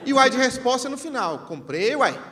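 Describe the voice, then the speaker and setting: Comic man, very high and forceful voice, playful act-outs, hall reverb with a faint crowd. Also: animated, racing. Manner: jokey, playful, acts out quoted lines. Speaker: comedian explaining regional slang. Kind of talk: comic stand-up explainer. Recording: live hall with audience and background noise.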